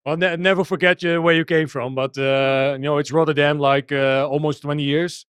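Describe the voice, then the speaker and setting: Dutch-accented man, higherish voice. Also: steady tone, normal speed, a bit bright, clear, resonant tone, no room sound. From Netherlands. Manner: hesitant, many restarts and fillers. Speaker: DJ and techno producer. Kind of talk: casual interview.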